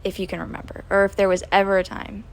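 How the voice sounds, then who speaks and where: A woman's voice: medium pitch, monotone, quick pace. A woman in her twenties hosting a college podcast, talking casually with frequent ums as she explains. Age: 20s. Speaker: podcast host.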